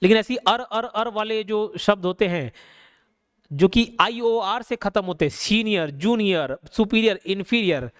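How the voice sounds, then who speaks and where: A male teacher giving a casual, conversational grammar lesson. He keeps asking rhetorical questions and slows down to spell out each example. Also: high-pitched, no room sound, studio quality. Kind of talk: casual classroom explanation.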